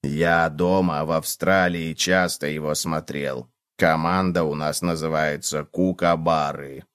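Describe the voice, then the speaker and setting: A man voicing a calm, stubborn cockroach who speaks low, slow and quietly in a children's storybook. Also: clean tone, dry recording, studio quality. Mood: earnest. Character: calm stubborn male cockroach from far away.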